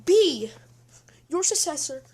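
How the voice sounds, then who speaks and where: A woman voicing Deku as a hot-headed young male hero who rants in loud, stumbling outbursts. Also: high-pitched, sing-song, slow pace, voice pushed up, full character voice. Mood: outraged.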